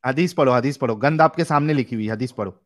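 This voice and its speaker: A man's voice: mid-range voice, fast talker. A man hosting a live-stream debate in a casual, teasing way, chuckling as he goes. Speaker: host.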